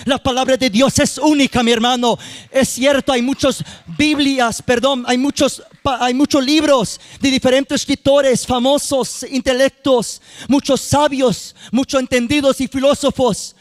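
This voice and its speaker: A man's voice: very high-pitched, fairly even intonation, a little slow. A man preaching a sermon as youth minister, repeating phrases and addressing the congregation as brothers and sisters, sometimes lilting into a sung cadence. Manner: repetitive preaching with frequent "hermanos y hermanas" and sung-out phrases. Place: church sanctuary.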